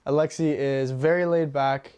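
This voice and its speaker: A young man from Ontario, speaking warmly about his friends in a documentary interview. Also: a little high, steady tone, moderate pace, clear, resonant tone. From Ontario, Canada. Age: young adult.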